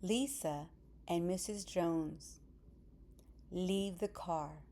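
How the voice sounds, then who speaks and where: A woman narrating a simple storybook for easy readers in plain, deliberate phrasing. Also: fairly low pitch, mellow. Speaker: audiobook narrator.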